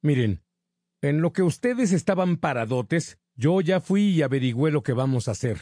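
A loud, shrill girl who demands to be heard, voiced by a man. She pushes high and sharp over a dark, mellow timbre. The sound is dry and close. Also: very animated, normal speed, no echo. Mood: bossy. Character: young girl, loud and bossy.

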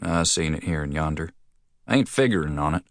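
Brief: a deep-voiced drifting cowboy, terse and weary, played by a male reader. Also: brisk, no echo, clean studio sound. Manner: flat drawl, terse.

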